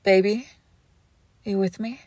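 A young woman playing a devoted girlfriend who nurses her sick partner, coaxing and protective, often dropping to a hush. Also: medium pitch, steady tone, takes it slowly, slightly rough, no echo. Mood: soothing. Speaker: audio roleplay performer. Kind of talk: audio roleplay addressed to the listener.

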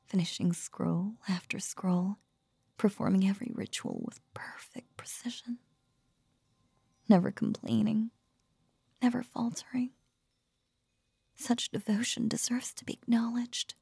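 An ancient nine-tailed fox goddess, whispered by a woman, possessive and teasing. Her breathy, husky whisper is slow and gently gravelly, mellow in tone, and close and dry against the mic. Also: mid-range voice, no room sound, heavily acted. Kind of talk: whispered ASMR roleplay.

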